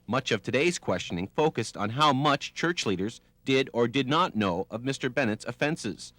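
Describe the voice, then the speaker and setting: A male TV news reporter narrates a scripted report. His voice sits at a middle pitch for a man. The delivery is that of a prepared news piece, read in full sentences. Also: expressive, normal speed, fairly bright tone, dry recording.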